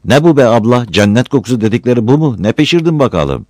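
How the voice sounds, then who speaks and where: A greedy, simple-minded village man bellows and begs for food in a raised, strained voice, as a man reads him in a storybook. His voice jumps high and loud above a plain reading tone. It sounds close and dry, with no room around it. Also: expressive, fast, dry recording, natural voice. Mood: wheedling. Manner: loud, shouting and wheedling.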